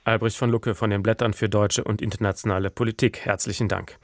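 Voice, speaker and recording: A man presenting a culture news program on the radio in a smooth, scripted delivery. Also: on the low side, level tone, quick pace, no echo, clean studio sound. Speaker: radio host.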